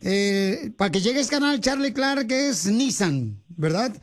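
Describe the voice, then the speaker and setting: High-voiced joking radio host. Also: male voice, lively intonation, measured pace. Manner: loud joking, slangy, laughs a lot. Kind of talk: lively Mexican-style radio banter. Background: music bed.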